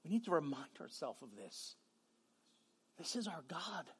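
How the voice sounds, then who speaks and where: A man with a Southern US accent preaching a sermon as pastor, swinging from shouted passion to quiet, low talk. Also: big pitch swings, a little slow, breathy edge.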